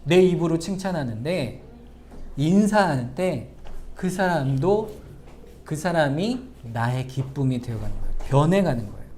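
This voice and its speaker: A middle-aged man, the pastor, preaching a sermon and speaking straight to the congregation, moving between loud emphatic lines and soft asides. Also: a little high, animated, moderate pace, slight background noise.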